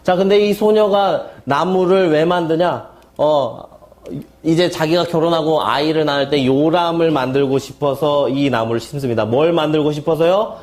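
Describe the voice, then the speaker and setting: A man's voice: fairly high pitch, normal speed, darkish tone. Man teaching with call-and-response quizzing. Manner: playful mnemonic wordplay, asks and answers his own questions. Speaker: Bible seminar instructor. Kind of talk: classroom lecture with call-and-response. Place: lecture hall at a seminary.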